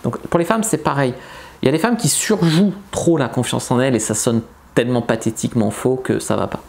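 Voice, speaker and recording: A man's voice: mid-range voice, brisk, creaky, darkish tone. Blunt, chatty male dating coach. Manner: blunt, colloquial, opinionated. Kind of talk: casual advice video to camera.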